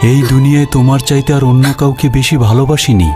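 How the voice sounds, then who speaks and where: A man plays a devout husband who holds to his faith and speaks in solemn, earnest tones. His voice sits in the middle range. Loud music runs under the dubbed dialogue. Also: mid-range voice, fairly even intonation, quick pace, close to an everyday voice. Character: steadfast devout husband facing death. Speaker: husband and father. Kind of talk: dubbed drama acting.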